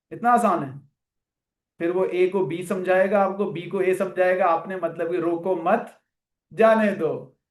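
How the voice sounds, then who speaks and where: A man lecturing students in a classroom, animated and full of rhetorical questions. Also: sits high, echoey room. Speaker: finance lecturer.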